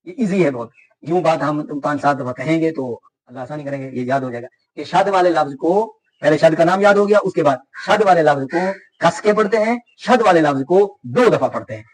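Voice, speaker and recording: A man teaching Quran reading in a recorded lesson, patiently repeating rules and drilling syllables slowly. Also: on the high side, darkish tone, poor audio.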